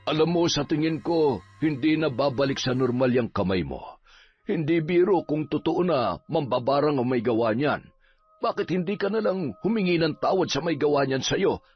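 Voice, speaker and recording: A man plays a nagging, joking village healer, his husky voice pitched a little high. The mix is dull and lo-fi, with faint music behind. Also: lively intonation, normal speed. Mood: scolding. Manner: gruff, nagging, comic. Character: grumbling, teasing middle-aged male village folk healer. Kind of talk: Filipino audio drama acting.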